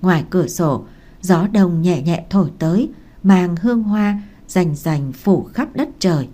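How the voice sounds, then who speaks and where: A woman reads a romance novel aloud in an even, measured way. Her voice sits low and has a mellow tone. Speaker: narrator. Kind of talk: audiobook narration of a romance novel.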